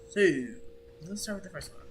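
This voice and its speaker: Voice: mid-range voice, lively intonation, normal speed. Chatty streamer on a noisy recording. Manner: chatty and candid, stumbles over words while reading. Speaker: livestream co-host. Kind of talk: casual chat, reading stories aloud.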